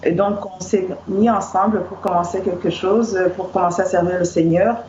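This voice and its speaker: A woman from Rwanda talks as a guest in a hesitant, filler-heavy way. Her voice is low-pitched and mellow. It comes through a muffled, roomy line with faint noise behind. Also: steady tone, moderate pace. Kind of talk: casual discussion.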